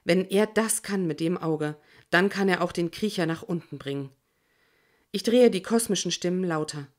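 A woman's voice: on the low side, normal speed. Woman narrating a reflective audiobook. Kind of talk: first-person audiobook narration.

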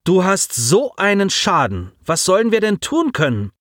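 A burly teenage bully played by a man, rude and blustering, lifted above the reader's usual pitch. The delivery is dry and up close. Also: huge pitch swings, normal speed, fairly bright tone, dry recording, exaggerated voice. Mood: hostile.

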